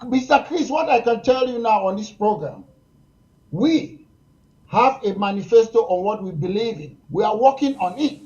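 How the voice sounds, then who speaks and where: Cameroonian guy arguing his point over and over, high dark voice, muffled broadcast audio. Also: animated, normal speed. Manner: insistent, repeats his points forcefully. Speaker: political guest. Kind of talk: heated talk show debate.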